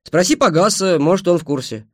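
An awkward, polite traveler, as a man puts him on in a raised voice. He sounds loud and lifted but uneasy. The recording is close and dry. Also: sits high, lively intonation, brisk, dry recording, voice pushed up.

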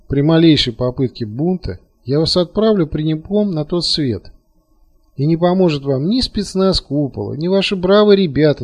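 A man's voice: on the high side, darkish tone, voice pushed up. A man voicing a cold, menacing male operative who issues threats and commands.

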